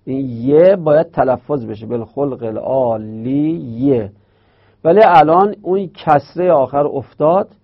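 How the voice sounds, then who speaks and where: Gravelly man teaching grammar. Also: mid-range voice. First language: Persian. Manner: explains step by step, repeating and drawing out terms. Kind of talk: explanatory lesson. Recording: dull lo-fi recording.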